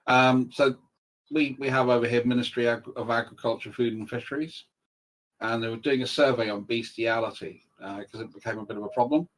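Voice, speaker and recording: A man's voice: medium pitch, fairly even intonation, a little fast, a little hiss or hum, poor audio. A British man whose accent mixes Scottish, Northern and Southern English, chatting casually and swearing freely as he tells jokes over voice chat. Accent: mixed British, Scottish, Northern and Southern English. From United Kingdom. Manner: joking storyteller, swears freely.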